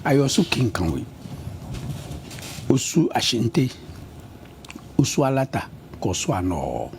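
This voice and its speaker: A middle-aged Ghanaian politician with a Ghanaian accent is a guest in a conversational interview, switching between English and Ga and listing places at an even pace. His voice is mid-range and slow, with a little hiss or hum in the recording.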